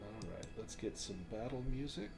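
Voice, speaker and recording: A man's voice: lowish voice, expressive, moderate pace, vocal fry. A man running a tabletop game, narrating casually and explaining rules as game master. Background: music.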